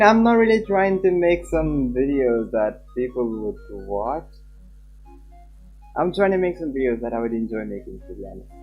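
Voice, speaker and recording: Through a slightly muffled, lo-fi stream mic, a young adult live streamer with a husky, medium-pitched voice chats casually about his game and reads text aloud, with game music in the background.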